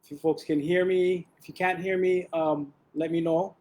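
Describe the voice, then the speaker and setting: A young man with a fairly high voice gives an academic webinar by video call at a normal speed. He's relaxed, often saying "um" and restarting his sentences.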